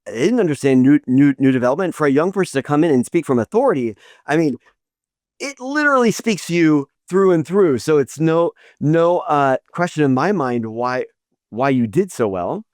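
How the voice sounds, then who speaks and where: A middle-aged man hosts the conversation in a somewhat high voice, recorded dry and near. He talks admiringly, often stopping to restart his sentences. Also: lively intonation, moderate pace, dry recording. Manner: admiring, with frequent restarts and filler words. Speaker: podcast host. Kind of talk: interview conversation.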